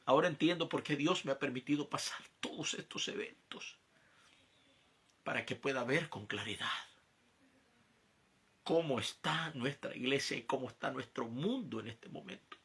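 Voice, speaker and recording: A man preaching a testimony sermon, his voice gravelly and somewhat husky with a bright, forceful edge. He talks emphatically, dropping low and then climbing to loud peaks. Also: moderate pace, long pauses. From El Salvador.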